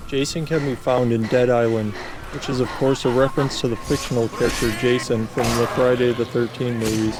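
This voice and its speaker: A man reading scripted video game narration in a deadpan manner, with casual asides. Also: mid-range voice, brisk, rough recording.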